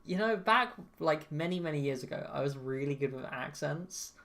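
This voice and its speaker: Chatty, hesitant game master in casual play; gravelly texture. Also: medium pitch, animated, fairly bright tone. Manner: hesitant, chatty, quick to laugh.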